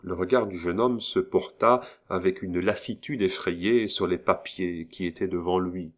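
Deep-voiced male audiobook narrator. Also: steady tone, moderate pace.

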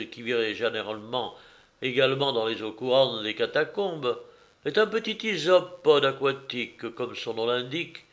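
A man reading a novel aloud as narrator, measured and precise. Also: mid-range voice, a bit bright.

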